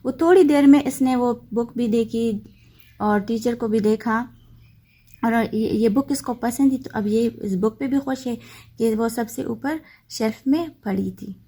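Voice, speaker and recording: A woman teaching a textbook lesson, reading English lines slowly and then explaining them patiently. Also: fairly high pitch, warm tone. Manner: patient, checks in with "okay" often.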